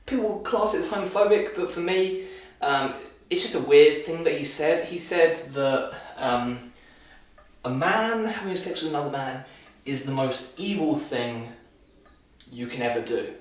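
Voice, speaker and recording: Shaving on camera, a young man gives a rambling, casual film review, restarting often and leaning on dry sarcasm. His voice is a little high and his pace a little slow. The room echoes and the microphone is distant.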